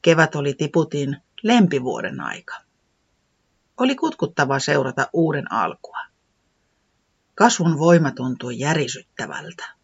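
A storyteller reading a children's story aloud in a gentle, calm way. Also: medium pitch, vocal fry, husky, muffled recording.

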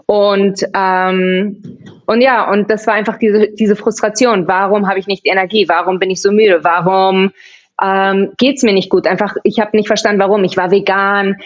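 Medium-pitched with little pitch movement, her voice comes at normal speed through lo-fi sound. She's a woman in her thirties from Barcelona, Spain, laughing a lot and restarting her sentences as a guest in a casual podcast interview.

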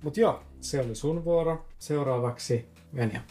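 A man narrating as game master of a tabletop role-playing game, often laughing and filling pauses as he describes the action. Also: on the high side, warm tone.

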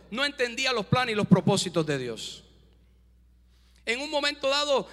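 A man's voice: very high voice, bright, forceful tone. A man preaching a sermon emphatically, calling out to the congregation. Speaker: pastor. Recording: reverberant hall.

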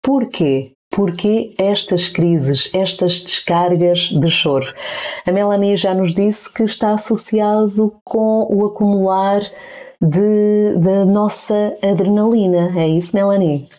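A woman's voice: medium pitch, slow, a little mellow. A woman with a European Portuguese accent hosting a radio talk show, upbeat and friendly as she introduces her guest.

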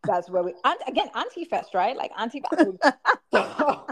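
A woman co-hosting a podcast, telling stories in a lively, animated way and laughing between phrases. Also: a little high, moderate pace. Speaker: podcast co-host. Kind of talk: casual chat.

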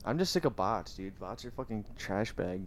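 Low-voiced laid-back young man. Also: animated, normal speed, slight background noise. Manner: laid-back, crude, swears a lot. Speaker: podcast co-host. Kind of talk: casual chat.

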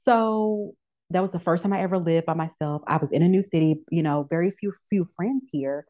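Name: none. Sex: woman. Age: 30s. Role: podcast guest. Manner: animated storyteller, lowish voice. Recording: dull lo-fi. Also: a little fast. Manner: animated storyteller who acts out quoted voices. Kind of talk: casual podcast interview. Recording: dull lo-fi audio.

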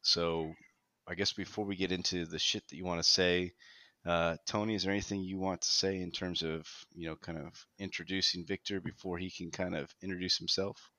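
Super deep voiced guy hosting his podcast, flat even delivery, dry close mic. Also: fairly quick, no room sound. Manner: relaxed, introduces and asks questions. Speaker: podcast host.

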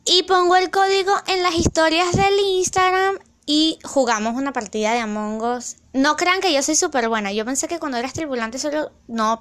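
Young woman, high voice, excitable rambling vlog chatter, gets loud, drops English phrases. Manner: loud, near shouting at times. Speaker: vlogger.

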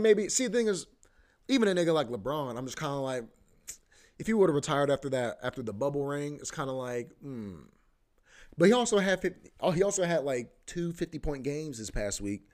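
He's a laid-back podcast host in his twenties with a mid-range, darkish voice. His casual solo monologue is slangy and meandering, packed with fillers.

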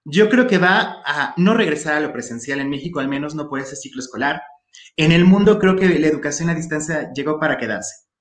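A man's voice: on the high side, roomy sound. A man with a Mexican accent, speaking emphatically in an interview about education and repeating his key phrases. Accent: Mexican Spanish. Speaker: education guest. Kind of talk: opinionated interview talk.

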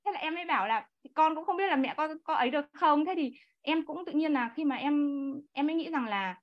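A woman in her thirties, chatty and polite, sharing a personal story in an online class over a video call. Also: high voice. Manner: chatty, frequent restarts and polite particles. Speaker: class participant. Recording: dull lo-fi online call audio.

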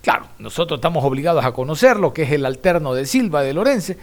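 A man's voice: fairly high pitch, animated, quick pace. A man with an Ecuadorian accent hosting a sports talk show, chatty and emphatic, asking and answering his own questions. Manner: chatty, emphatic, asks himself rhetorical questions. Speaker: sports radio host.

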